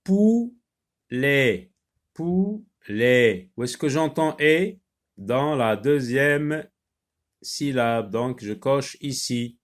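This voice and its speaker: A man teaching a phonics lesson to young children, saying each word slowly and repeating it so the pupils can follow. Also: medium pitch. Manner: slow, deliberate, repeats words for pupils.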